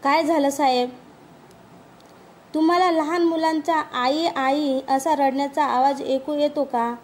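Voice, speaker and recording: A woman's voice: sits high, fairly even intonation, a little slow, darkish tone, slight background noise. A woman voicing a nervous man who asks anxious, hesitant questions, as part of a storybook reading. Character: nervous man, a driver caught in a trap.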